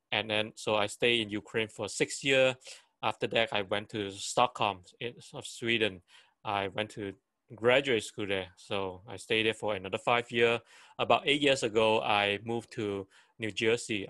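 Guy teaching photography on a video call, kinda halting, restarts a lot, lowish voice. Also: a bit bright, no echo. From Malaysia. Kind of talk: online seminar talk.

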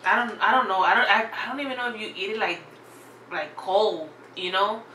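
A woman's voice: mid-range voice, a little fast, bright, forceful tone, slight background noise. Chatty woman vlogger in an echoey room. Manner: chatty, filler-heavy, says "like" and "y'all" often. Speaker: vlogger reviewing snacks. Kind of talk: casual unboxing vlog.

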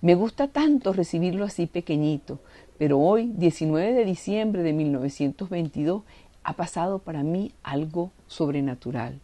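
A woman's voice: lowish voice, animated, normal speed, warm tone, no room sound. A woman giving a devotional reading and reflection, fervent and reverent, leaning on prayerful words.

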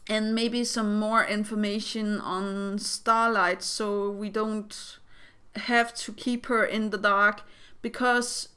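Young female fan vlogger, smooth clear voice, unhurried, rambling casual commentary. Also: on the high side, fairly bright tone. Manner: rambling, hesitant phrasing.

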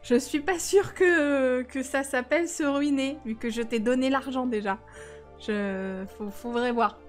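A woman's voice: sits high, unhurried, faint music behind. A woman streaming a life-sim game, chatting casually and teasing her viewers. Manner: chatty, teasing, talks back to chat.

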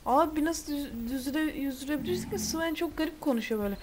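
A woman's voice: sits high, fast, slight background noise. A young woman chatting casually while playing a game, playful and giggly, tossing in English exclamations. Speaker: gamer. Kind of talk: casual gameplay chat.

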